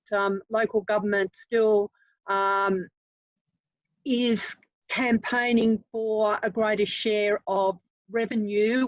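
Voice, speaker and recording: A woman speaking as a councillor at a meeting, measured and hesitant, with many pauses. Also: mid-range voice, dry recording. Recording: dull dry sound.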